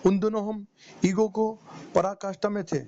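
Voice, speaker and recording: A high-pitched man narrates a motivational first-person story with emotional, pleading intensity. He sounds like a meditation teacher addressing his listeners. The recording is muffled and lo-fi, with a faint hiss underneath. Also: flat delivery, moderate pace, warm tone. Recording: dull lo-fi recording with faint noise.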